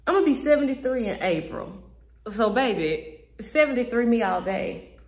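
A woman in her thirties sits in an indoor room with a brick wall, reviewing a wig for a casual vlog and speaking directly to her viewers with sassy humor. Her voice is fairly high with lively intonation, moving at a moderate pace, and the sound is roomy.

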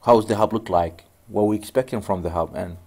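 This screen-recorded networking tutorial is led by a man who is a native Arabic speaker, his voice lowish, mellow and fairly quick. As the instructor he rambles loosely and keeps restarting his sentences.

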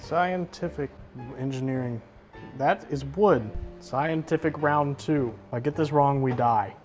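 A young man hosting a comedy vlog in a living room set, talking in a mock-dramatic way with hammy sales pitches. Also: unhurried. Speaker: video host. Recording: music playing behind.

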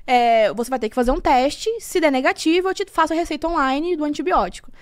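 Fast, high-voiced Brazilian young woman. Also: dry recording, studio quality. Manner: animated, acts out quoted dialogue, frank and swears freely. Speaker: guest. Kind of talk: casual chat, personal storytelling.

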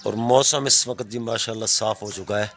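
A man's voice: on the low side, steady tone, fairly quick, fairly bright tone. A man with a Pakistani accent narrating a casual village vlog outdoors in the rain, devout and chatty. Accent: Pakistani Urdu. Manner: chatty and devout, often saying mashallah. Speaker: village vlogger filming and narrating. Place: rural courtyard in the rain, outdoors.

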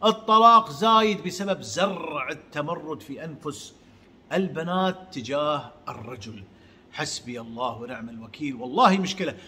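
A man giving a heated religious monologue, swinging between shouts and low mutters. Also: expressive, moderate pace, slight background noise. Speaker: channel host.

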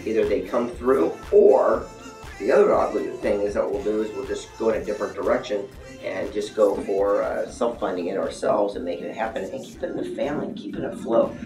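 A man in his forties hosts a documentary, narrating casually in an upbeat, chatty vlog style and laughing often, across various indoor and outdoor locations. His fairly low, gravelly voice has a darkish tone and fairly quick pace, sounding reverberant and far from the mic with faint music behind.

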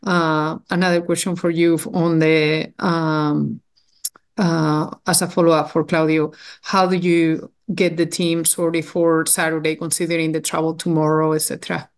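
Woman, press conference moderator, polite and businesslike, lowish voice, flat. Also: moderate pace.

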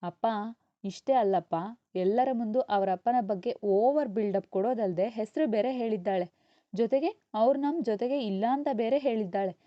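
A sharp-tongued young mother who is quick to scold, voiced for a spoken storybook by a woman narrator. Her voice sits higher and louder than the narrator's own, with a clipped, chiding edge. The recording is dull and dry. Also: no echo, close to an everyday voice. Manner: scolding, loud and high.

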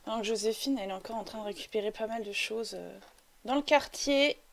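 A woman's voice: fairly high pitch, brisk, vocal fry. A woman giving casual gameplay commentary, chatty and talking to the game characters as she plays, sniffling now and then. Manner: chatty, talks to the game characters and coaxes them. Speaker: let's play commentator.

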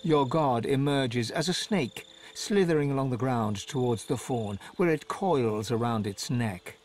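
A man narrating a game story in an expressive, dramatic scripted style. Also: mid-range voice, a little slow, background noise, close to an everyday voice. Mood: calm. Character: male storybook narrator, vivid.

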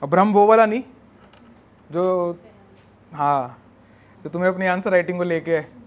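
A high-pitched male teacher lectures in a mix of Hindi and English, switching between the two. He slows down to spell out terms and keeps checking in with his students. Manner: mixes Hindi and English, spells words out slowly, checks with "right?". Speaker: exam prep teacher. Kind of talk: recorded classroom lecture.

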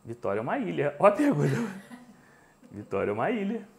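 A gravelly, slightly high voice comes from a man in his forties with a Brazilian Portuguese accent, talking briskly. He's hosting a live cooking stream from his home kitchen, joking with viewers and telling stories with energy, picked up by a lapel mic.

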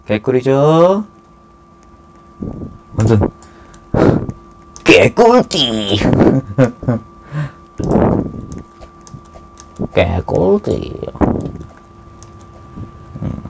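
A man giving casual commentary on an online game he is playing, swinging between loud cheers and nervous muttering. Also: medium pitch, background noise. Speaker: gaming YouTuber.

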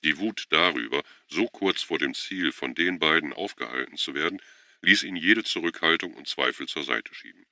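Man, audiobook narrator, very low voice, gravelly fry, bright crisp tone, steady measured reading, dry close mic. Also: dry recording. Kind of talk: scripted narration.

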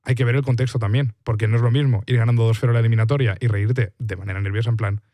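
A man from hosting a casual esports podcast, animated, and acting out what people say in quick bursts. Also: medium pitch, no room sound. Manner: rapid, animated, acts out quoted reactions.

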